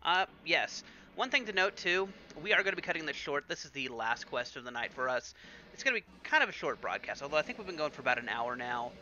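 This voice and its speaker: A man gives casual let's play commentary in a chatty, rambling way, full of little fillers. His voice is very bright and a touch high, and it moves up and down a lot. The recording is slightly dull, with a faint hum in the background. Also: sing-song, quick pace.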